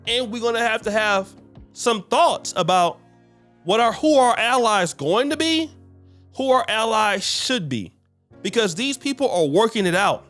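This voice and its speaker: A man's voice: high-pitched, expressive, a little slow, fairly bright tone, faint music behind. Earnest man lecturing into a studio mic. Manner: earnest and lecturing, with rhetorical questions. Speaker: commentator. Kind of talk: reaction commentary. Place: small studio set. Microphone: studio mic with headphones.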